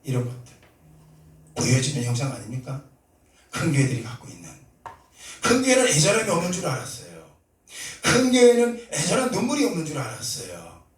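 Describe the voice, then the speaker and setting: A male pastor preaching a sermon, telling a story and acting out prayers and dialogue, sometimes rising to loud, fervent cries. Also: fairly high pitch, huge pitch swings, fairly quick. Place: church sanctuary. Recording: echoey church hall, mic at a distance.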